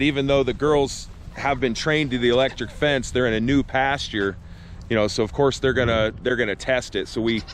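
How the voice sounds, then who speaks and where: A man talking casually and explaining things as a farmer co-hosting a vlog. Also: medium pitch. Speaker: goat farmer and co-host. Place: outdoors in a goat pasture. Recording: outdoor noise with bleating goats. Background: goats bleating, faint outdoor ambience.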